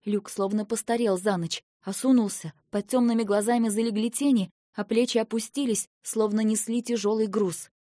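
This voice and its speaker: A woman's voice: fairly high pitch, normal speed, few pauses, no echo. Woman reading an audiobook, dry sound. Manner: expressive, emotional reading. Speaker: audiobook narrator. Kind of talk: first-person audiobook narration.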